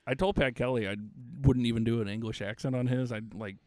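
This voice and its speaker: A man's voice: mid-range voice, fairly even intonation, fairly quick, darkish tone, no echo. A man co-hosting a casual podcast, joking around. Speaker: podcast co-host.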